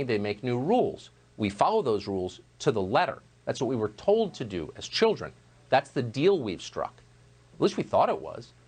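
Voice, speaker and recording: A man delivering a scripted opinion monologue as a news host, measured and emphatic. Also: on the high side, slightly rough.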